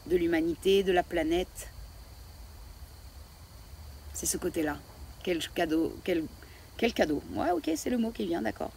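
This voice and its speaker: A woman teaching Mayan astrology, talking in a reflective way and often pausing to search for words. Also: lowish voice, a little hiss or hum. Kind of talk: spoken spiritual teaching.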